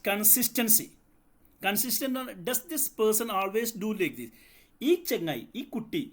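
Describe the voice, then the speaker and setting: Man, psychology tutor, explains step by step, asks questions. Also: high-pitched. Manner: explains step by step, asks the class questions, mixes in English terms. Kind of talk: lecture.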